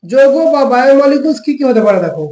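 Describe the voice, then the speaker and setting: A high-pitched man with a West Bengal accent teaches a lesson, working through each point with rhetorical questions to his students. His voice rings out in an echoey room. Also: expressive, quick pace, darkish tone. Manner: explains step by step with frequent rhetorical questions. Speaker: tutor. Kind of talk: classroom lesson explanation.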